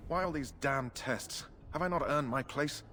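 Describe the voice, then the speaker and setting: A man's voice: a little high, normal speed, pushed and bright, slight background noise. A man playing an anxious, protesting knight recruit in a fantasy video game, indignant and pleading.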